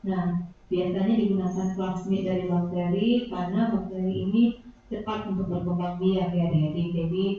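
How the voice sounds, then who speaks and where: A woman's voice: lowish voice, fairly even intonation, moderate pace, dull audio, slight background noise. A woman explaining lesson material to pupils, with frequent fillers, addressing the class directly. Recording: echoey classroom from a distant camera. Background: classroom ambience.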